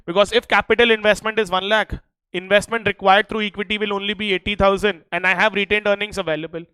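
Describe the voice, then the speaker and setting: A male teacher with an Indian accent delivers a revision lecture in a high, clear voice. The sound is close and dry, and his delivery is emphatic, often pausing to check that the class follows. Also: flat delivery, bright, forceful tone, no echo. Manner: emphatic, repeatedly checking in with students. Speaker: accountancy teacher.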